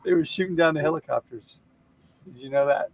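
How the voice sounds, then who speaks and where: A man's voice: a little high, brisk, faint music behind, low-quality recording. A man co-hosting a casual comedy news chat, joking and teasing. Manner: jokey, plays clips and mimics voices. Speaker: comedian co-host.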